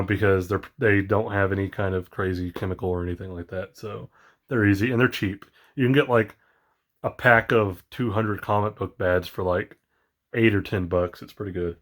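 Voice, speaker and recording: A man vlogging casually about his toy collection, rambling with many ums, excited but tired and yawning late at night. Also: on the low side. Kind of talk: casual unboxing vlog.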